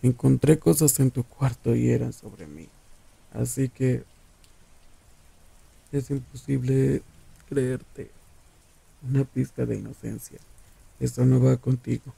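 Man as gravelly, menacing Jeff the Killer. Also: mid-range voice, fairly even intonation, mellow, full character voice, low-quality recording. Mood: possessive, menacing. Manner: taunting, condescending, drawn-out. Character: menacing, possessive young male serial killer lover. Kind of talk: ASMR roleplay.

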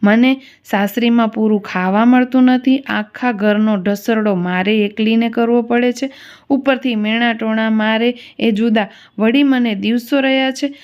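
A woman's voice: a little high, steady tone, measured pace, clean tone, highs cut off, natural voice. A woman reading the part of a young, mistreated daughter-in-law in a devotional story, pleading in sorrow. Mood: sorrowful.

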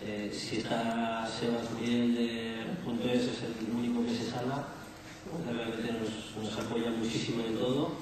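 A man in his forties with a Spain accent and a hoarse voice speaks hesitantly in a panel discussion. He is picked up at a distance in a hall full of echo, with clear background noise. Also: mid-range voice, flat delivery. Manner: halting, hesitant delivery. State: hoarse, under the weather. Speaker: industry association panelist. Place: conference stage, large indoor hall. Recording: echoey hall, distant mic, noisy.

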